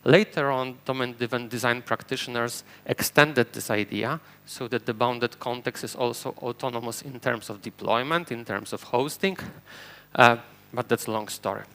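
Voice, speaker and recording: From a conference stage before an audience, a Polish man whose first language is Polish gives a technical talk in a Polish accent, explaining step by step with fillers and restarts. He speaks at normal speed in a medium-pitched, slightly bright voice.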